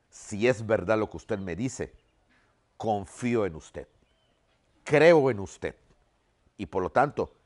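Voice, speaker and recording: A man voicing a calm, shy male rebel leader who speaks humbly in a storytelling lesson. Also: lowish voice. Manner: quiet, humble speech.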